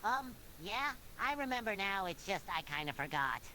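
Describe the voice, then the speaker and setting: A woman's voice: medium pitch, moderate pace, a little hiss or hum. A text-to-speech woman's voice reading the lines of a nervous, secretive young male cartoon sea sponge. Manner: jittery, secretive, flat machine reading. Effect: synthetic text-to-speech voice. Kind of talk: text-to-speech chatbot reply.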